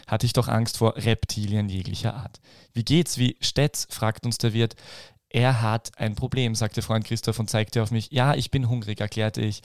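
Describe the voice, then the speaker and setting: A man reading a pun-filled story on a podcast, stumbling and restarting now and then. His voice sits at an ordinary middle pitch and sounds dry and close, with no room echo. Between passages he slips into loose, filler-heavy chat. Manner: reads with restarts and chuckles, then talks in halting fillers. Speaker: podcast host.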